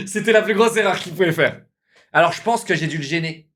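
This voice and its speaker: A young man, a streamer telling a story casually to his live chat, animated and repetitive, often calling out to the viewers. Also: high-pitched, normal speed. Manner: animated, repeats himself, addresses viewers as guys.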